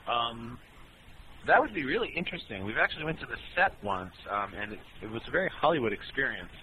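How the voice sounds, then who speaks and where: A man in a band answering fan questions in a relaxed, rambling way with many ums and uhs. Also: mid-range voice, fast, slight background noise, low-quality recording. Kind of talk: casual Q&A chat.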